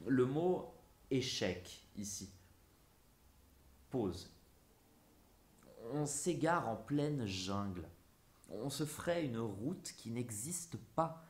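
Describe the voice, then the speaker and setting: A man's voice: mid-range voice, expressive, slow pace. A man reading a literary essay aloud in a musing, theatrical way. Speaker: narrator. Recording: roomy echo.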